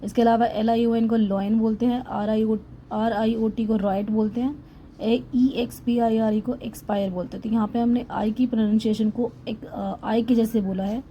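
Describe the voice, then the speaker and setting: A woman's voice: a little high, flat delivery, moderate pace, lo-fi sound, slight background noise. A woman teaching English pronunciation in a lesson voice-over, spelling words letter by letter and then sounding them out.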